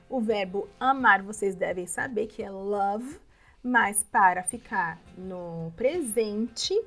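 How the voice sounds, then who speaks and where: A woman's voice: fairly high pitch, gravelly. A woman with a Brazilian Portuguese accent teaching an English lesson, explaining patiently and checking in with her viewers often.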